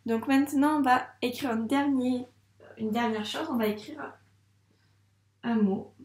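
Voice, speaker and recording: A woman teaching a first-grade handwriting lesson, speaking slowly and patiently and encouraging the child directly. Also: a little high, a little mellow, reverberant, far from the mic.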